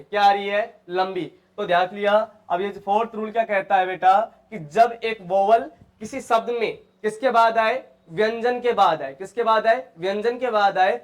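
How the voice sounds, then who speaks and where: A man teaching English pronunciation in who keeps asking his students questions and repeating each answer. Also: high voice. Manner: asks and repeats questions, calls students "beta". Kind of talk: classroom lesson.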